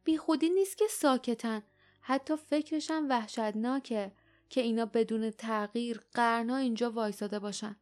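A woman's voice: on the high side, a little mellow, natural voice. A woman reading the lines of an anxious, caring young girl in an audiobook, in an uneasy way.

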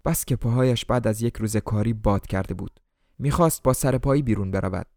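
A man reads a novel aloud in a low, gravelly voice. His narration is formal and measured, and the recording is dry and close, with no room sound. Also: darkish tone, no room sound. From Iran. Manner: colloquial Tehran-style speech in dialogue, formal literary narration. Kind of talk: audiobook narration with acted dialogue.

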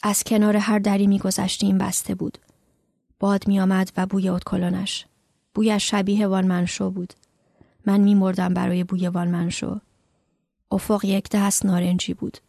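Woman reading a story, slight vocal fry. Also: medium pitch, little pitch movement, mellow, no echo, studio quality. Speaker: author reading her own story.

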